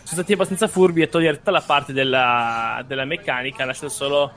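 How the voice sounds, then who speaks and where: A man's voice: medium pitch, fairly even intonation, a little fast, fairly bright tone. A man co-hosting a casual chat, explaining in a colloquial way with trailing asides. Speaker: podcast co-host.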